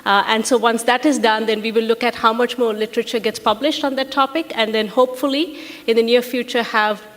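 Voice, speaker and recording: Measured woman speaking in a reverberant hall. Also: a little high. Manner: measured, steady with fillers. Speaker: representative of a health charity. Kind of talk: conference interview answers.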